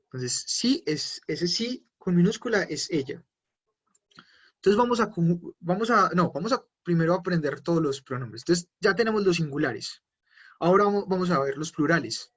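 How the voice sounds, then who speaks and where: A man teaching an online language class, patiently repeating words slowly for his students. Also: high voice, lively intonation, a bit bright, slightly rough, dull audio. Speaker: German teacher.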